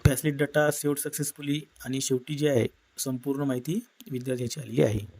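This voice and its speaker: A man narrating a step-by-step software tutorial in a plain instructional manner. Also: mid-range voice, fairly even intonation, fast talker, dry recording. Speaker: tutorial presenter. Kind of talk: screen-recorded software tutorial.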